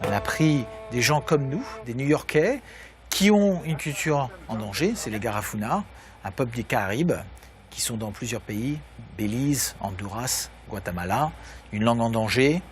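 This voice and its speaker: A man's voice: mid-range voice, lively intonation, moderate pace, a little hiss or hum. A man from New York speaking in an interview, thoughtful, with small restarts. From New York, USA.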